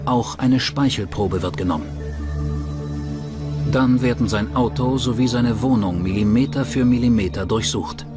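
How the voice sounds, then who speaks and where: A man reads scripted narration for a true-crime documentary in a medium-pitched voice at a moderate pace, with music playing underneath.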